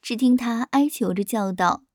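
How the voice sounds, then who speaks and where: A woman's voice: a little high, moderate pace, a little mellow, no echo, clean studio sound. Woman reading a story steadily. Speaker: narrator. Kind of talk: scripted narration of an erotic story.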